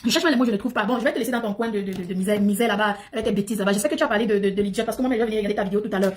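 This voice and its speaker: A woman's voice: mid-range voice, rapid-fire. A woman hosting a casual livestream chat in an emphatic, talkative way, often repeating her phrases. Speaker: livestream host.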